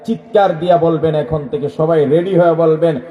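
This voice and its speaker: A man preaching a sermon to a large gathering, questioning the crowd and leading them in loud chants, swinging from low talk to shouting. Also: fairly even intonation, moderate pace, reverberant, phone-quality sound, noisy background.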